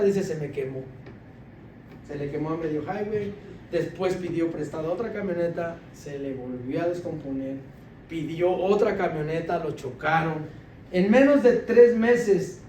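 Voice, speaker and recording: A man, a deacon giving a sermon testimony, telling an animated story with laughter and dropping his voice low when he quotes others. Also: normal speed, a little hiss or hum. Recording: echoey room from far off with faint ambience.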